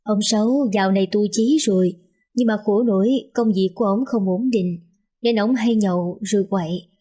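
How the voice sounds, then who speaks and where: A woman's voice: mid-range voice, normal speed, mellow, slightly rough, close to an everyday voice. A woman reading a flustered, coaxing aunt. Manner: coaxing and pleading. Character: flustered aunt asking a favor.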